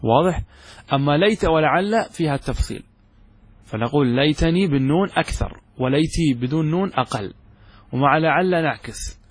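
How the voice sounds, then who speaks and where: A man, a sheikh, giving a grammar lesson, explaining step by step and often asking the class whether it is clear. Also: fairly high pitch, expressive, a little fast, no echo. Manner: explains step by step, often checking understanding with questions. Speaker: sheikh teaching Arabic grammar. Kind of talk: classroom lecture explaining a text.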